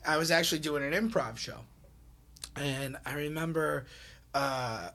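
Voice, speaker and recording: A man telling a rowdy story in a casual chat, animated and laughing as he goes. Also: a little high, a little slow. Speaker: comedian.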